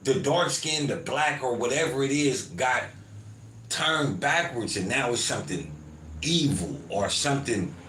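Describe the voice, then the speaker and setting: An American man hosts his own podcast, chatting loosely with listeners and reading chat comments, peppering his points with "you feel me" and "man." His medium-pitched voice is lively and a bit bright at a measured pace. The roomy home recording carries faint ambience and slight background noise.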